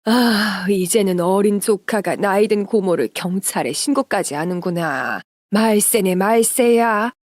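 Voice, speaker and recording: A woman voicing a bossy older aunt who shouts and scolds in a harsh, contemptuous way. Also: medium pitch, measured pace, few pauses, dry recording, close to an everyday voice. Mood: wailing scornfully.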